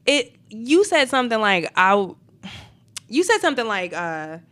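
Young adult woman co-host, fairly high and bright, soft-spoken and reflective. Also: sing-song, measured pace. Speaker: podcast co-host. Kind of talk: casual chat.

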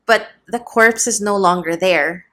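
A woman's voice: mid-range voice, unhurried, pushed and bright. Woman playing a sly offhand gravedigger. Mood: half-jesting. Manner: offhand, half-jesting. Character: lazy, sly male village gravedigger.

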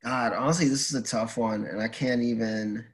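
A man speaking as a podcast guest in informal chat, haltingly, thinking aloud as he goes. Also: mid-range voice, steady tone. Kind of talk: casual chat.

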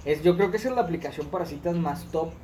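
A young man with a Mexican Monterrey accent chatting casually on a podcast, animated and slangy, laughing often. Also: a little high, quick pace, over a noisy crowd. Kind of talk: casual chat.

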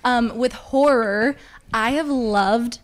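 A woman guesting on a podcast, chatty and telling lively stories in a casual chat. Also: fairly high pitch, slow pace. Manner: animated storyteller, chatty.

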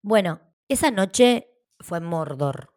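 Argentine woman, podcast co-host, frank and lively storyteller, slightly low voice, dry close mic. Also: takes it slowly, no room sound. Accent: Argentine Spanish. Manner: animated, frank, swears casually. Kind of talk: casual storytelling chat.

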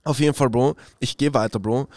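A man's voice: medium pitch, brisk, a little mellow, dry recording, studio quality. Slangy young man telling a story. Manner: slangy, says "Bro" constantly, mixes in English words. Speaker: podcast guest, musician. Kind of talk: casual storytelling chat.

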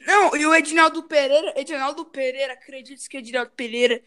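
Voz feminina brasileira, bem aguda e brilhante. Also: female voice, high-pitched, fast talker, sharp tone. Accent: Brazilian Portuguese. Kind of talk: casual slangy chat.

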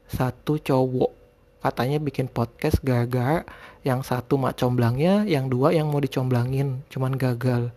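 A man's voice: mid-range voice, mellow. An Indonesian man hosting a solo podcast in casual, rambling chat, often searching for words, with a lisp on his r sounds. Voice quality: lisped r sounds. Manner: informal, rambling, hesitant word-searching. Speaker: podcast host.

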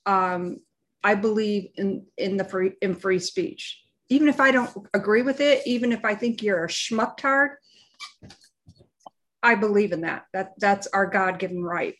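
Woman, unhurried pace, medium pitch, halting opinion talk, podcast co-host, deliberate phrasing. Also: fairly bright tone. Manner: halting, deliberate, searching for words. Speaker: live show and podcast co-host.

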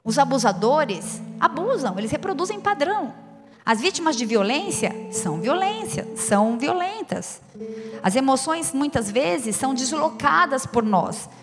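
A woman's voice: high-pitched, big pitch swings, measured pace. A woman in her forties preaching a sermon, earnest and often asking the listeners direct questions. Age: 40s. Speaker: pastor. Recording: long hall reverb with guitar music behind.

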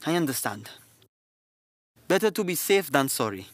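Brief: sincere young man, fairly high voice, dry read, narrator doing him. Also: sing-song, normal speed, no echo.

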